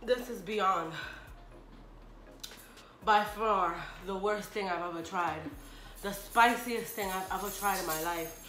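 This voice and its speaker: A woman's voice: medium pitch, slow, bright, forceful tone. A young woman chatting casually to camera, in pain from spicy food with a burning mouth, groaning and exclaiming as she talks. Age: young adult. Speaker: vlogger doing a food challenge. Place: small home kitchen, indoors. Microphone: camera across the table. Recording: echoey room with music behind.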